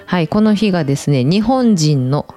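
A woman's voice: fairly low pitch, expressive, moderate pace, warm tone, soft background music. A woman with an Osaka-area Kansai accent hosting a casual chat, announcing segments and chattily agreeing and prompting. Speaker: host.

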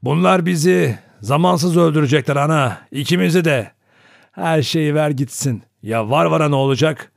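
Grumpy old grandpa barking orders, man reading him, lively swings, dry mic. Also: medium pitch, a little slow, slightly rough, dry recording, heavily acted. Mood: harsh. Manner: harsh, loud, commanding. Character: harsh, shouting old grandfather.

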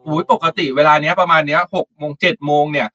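A man's voice: fairly high pitch, steady tone, quick pace, sharp tone, muffled recording. A man co-hosting a casual morning radio show, a chatty storyteller who laughs often.

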